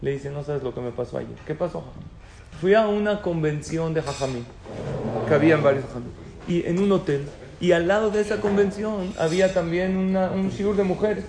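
A man's voice: on the high side, a little fast, creaky, noisy background. A man giving a religious talk to an audience, telling stories and asking them questions. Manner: storytelling, asks the audience questions. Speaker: rabbi lecturer. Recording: echoey room with faint ambience.

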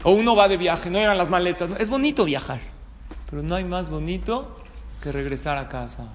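Speaking briskly in a higher register with a Mexican Spanish accent, a Mexican rabbi delivers a casual religious talk woven with anecdotes and rhetorical questions aimed at his audience. It was recorded in a reverberant hall with clear background room noise.

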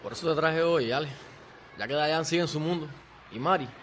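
A man's voice: a little high, fairly quick, fairly bright tone, close to an everyday voice. Naive lovesick teen boy, earnest, noisy backdrop, voiced by an actor.

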